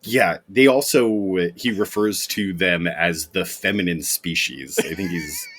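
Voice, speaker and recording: A man's voice: deep voice, measured pace, fairly bright tone, slight background noise. A man co-hosting a podcast in casual chat, joking and laughing often. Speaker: podcast co-host. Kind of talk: casual comic-book chat.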